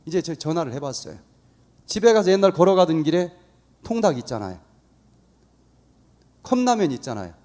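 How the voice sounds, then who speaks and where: Animated storytelling Korean man. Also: on the high side, fairly quick, pauses often. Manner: animated storytelling, acts out quoted voices. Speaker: guest speaker. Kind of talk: church lecture. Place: church.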